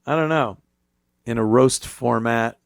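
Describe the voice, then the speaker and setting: A man's voice: mid-range voice, unhurried, vocal fry, clear, resonant tone, no echo, studio quality. A man hosting a talk show, giving a casual opinion monologue in a blunt, profane, jaded manner. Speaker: talk show host, comedian.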